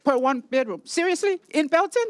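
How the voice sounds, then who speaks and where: A woman's voice: high-pitched, animated, a little fast, no echo. An older woman from San Francisco giving a rambling, chatty public comment at a city meeting, laughing between points.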